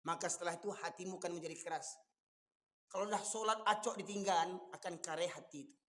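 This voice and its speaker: A man with a Minangkabau accent preaching a sermon, fiery and emphatic, often surging to loud peaks. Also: sits high, fast talker. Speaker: Islamic preacher. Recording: long echoey hall reverb.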